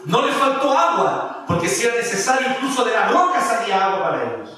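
A pastor preaching a sermon, animated, with emphasis that rises and drops. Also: male voice, high-pitched, brisk, a crowd in the background. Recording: echoey room from a distance.

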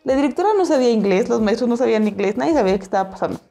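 A young woman with a Mexican accent telling a personal story in a casual, animated way, acting out the voices she quotes. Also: fairly high pitch, very fast, creaky, faint music behind. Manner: animated, acts out quoted voices, laughs often.

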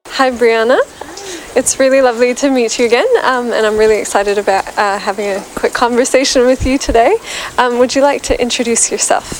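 A woman's voice: a little high, steady tone, fairly quick, a little hiss or hum, low-quality recording. A woman interviewer asking casual, friendly questions in a tentative, hesitant way.

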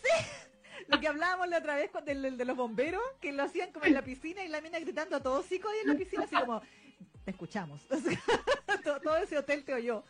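A young Chilean woman co-hosts a podcast in loose, slangy chat, laughing often and acting out lines in silly voices. She sounds high-pitched, animated and fast, with a fairly bright tone.

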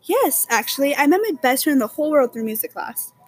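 Young woman, talk show guest, high voice, earnest, thoughtful, scripted. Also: animated, fast.

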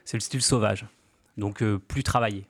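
A man in his forties, a graffiti artist guest on a radio show, explaining slowly with many fillers and restarts. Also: fairly low pitch, steady tone, dry recording. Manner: hesitant, many fillers and restarts, laughs lightly. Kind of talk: casual radio interview.

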